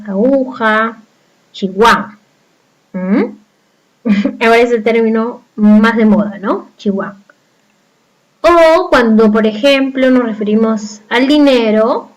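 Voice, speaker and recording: A woman's voice: on the high side, rough recording. A woman from Peru with a Peruvian accent, teaching a recorded class and explaining step by step with frequent rhetorical questions to the students. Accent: Peruvian Spanish.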